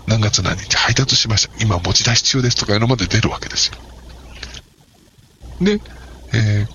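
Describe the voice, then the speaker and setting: A man's voice: medium pitch, fairly bright tone. A man who works for the post office, answering interview questions in a chatty, joking way while giving practical advice. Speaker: post office worker as guest. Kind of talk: casual explanatory interview talk. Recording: dull lo-fi with faint noise.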